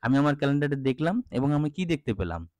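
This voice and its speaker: A man explaining a primary school English lesson, spelling words out letter by letter and breaking them into syllables, slow and deliberate, with frequent fillers. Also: a little high, big pitch swings, darkish tone, no room sound. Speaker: English teacher for young children.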